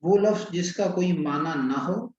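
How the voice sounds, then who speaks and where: Man teaching slowly in an echoey room. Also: high-pitched, a little mellow. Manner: patient, repeats and explains step by step with questions. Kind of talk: classroom lecture on grammar. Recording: echoey room, dull lo-fi sound with faint hiss.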